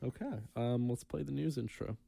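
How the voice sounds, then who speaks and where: A young man co-hosting a casual podcast, talking in a relaxed way with many ums and reading news items aloud. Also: medium pitch, moderate pace, creaky. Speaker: podcast co-host.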